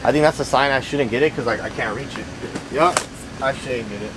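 A man's voice: mid-range voice, fairly quick. A young man vlogging casually while shopping in a big warehouse store, joking and slangy. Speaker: fitness vlogger. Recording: noisy store ambience.

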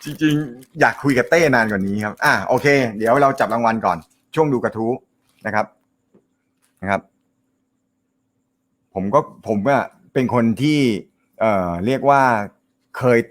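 Loud, joking male live-stream host. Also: mid-range voice, unhurried, long pauses. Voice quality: naturally loud voice. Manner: joking, laughs often, chatty. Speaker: host of a snooker live show. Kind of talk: casual live-stream chat reading viewer comments.

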